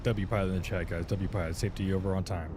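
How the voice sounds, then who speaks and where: A man's voice: steady tone, fast. A man doing casual, slangy livestream commentary on a flight simulator, sweary and exasperated. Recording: clear low rumbling engine noise behind. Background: aircraft engine rumble.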